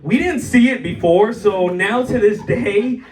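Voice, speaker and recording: Young guy doing standup, high voice, echoey club, mic kinda far off. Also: a little slow, darkish tone, a little hiss or hum. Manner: storytelling with bursts of high-pitched acted quotes. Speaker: stand-up comedian. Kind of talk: stand-up set. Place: comedy club stage. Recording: roomy club sound from far off.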